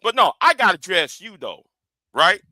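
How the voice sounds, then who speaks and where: Man, informal livestream host, high pitch, very bright forceful tone, stammering repeated phrase openings. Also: sing-song, moderate pace, no room sound, studio quality.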